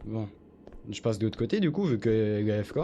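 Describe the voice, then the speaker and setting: A young man streaming a horror game, talking casually to his viewers in slangy bursts that swing from low muttering to excited yelps. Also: a little fast, a little hiss or hum. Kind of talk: casual live-stream gameplay commentary.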